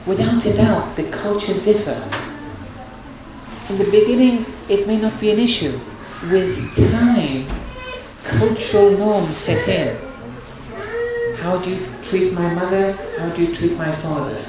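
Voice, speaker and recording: In a noisy, strongly echoing hall, a woman with a medium-pitched voice lectures at a measured pace. Her earnest religious talk on marriage counsels listeners, and she often begins phrases again.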